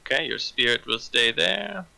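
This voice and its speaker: A man's voice: medium pitch, animated, normal speed, creaky, noisy background. A man running a tabletop fantasy game as game master, narrating scenes and calling out rolls.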